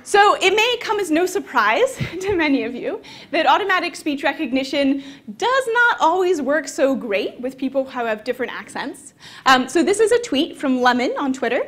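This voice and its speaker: A woman's voice: high voice, big pitch swings, normal speed, fairly bright tone. A young woman from the American South giving a conversational conference talk with frequent fillers. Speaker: conference speaker. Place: conference hall.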